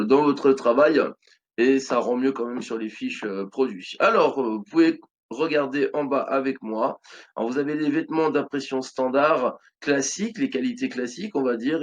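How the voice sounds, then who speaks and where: A man's voice: medium pitch, highs cut off. A man in his thirties with a French accent, casually walking viewers through an online selling tutorial, with many fillers and restarts. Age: 30s. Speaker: online business tutorial host. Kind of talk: screen-recorded tutorial walkthrough.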